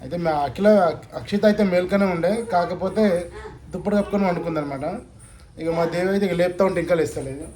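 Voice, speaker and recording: Chatty Telangana-accented vlogging mum. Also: female voice, fairly low pitch, fast, crowd noise. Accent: Telangana Telugu. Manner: chatty, coaxing and teasing with the kids. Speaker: family vlogger. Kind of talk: casual home vlog, talking to camera and children.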